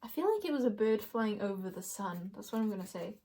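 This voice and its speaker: A woman's voice: mid-range voice, lively intonation, brisk, dark tone, a little hiss or hum. A young woman doing an intuitive card reading for viewers, musing aloud and laughing often. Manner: giggly, musing, talks to viewers as you guys. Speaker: tarot card reader.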